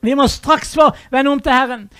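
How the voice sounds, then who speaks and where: A man preaching a fervent sermon, dropping to a hush and then rising to loud, urgent appeals. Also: very high voice, steady tone, no room sound, clean studio sound.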